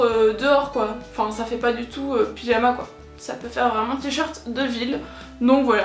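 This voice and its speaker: A woman's voice: high voice, fairly bright tone. A young woman chatting casually through a clothing haul vlog, with lots of filler words and little giggles. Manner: chatty, many "euh" fillers, giggly asides. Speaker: YouTuber showing a haul. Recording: echoey room.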